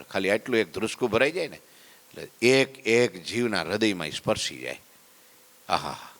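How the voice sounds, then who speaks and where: Low-voiced man preaching in a reverberant hall. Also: a bit bright. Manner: storytelling, sings verses of hymns slowly. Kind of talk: devotional sermon. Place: temple hall. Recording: long reverb of a temple hall.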